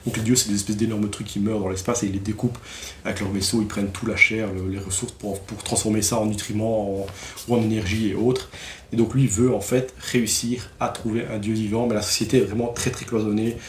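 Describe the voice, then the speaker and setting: A man's voice: lowish voice, little pitch movement, quick pace, roomy sound, a little hiss or hum. A man casually reviewing new comic releases, enthusiastic and slangy, with lots of fillers and restarts.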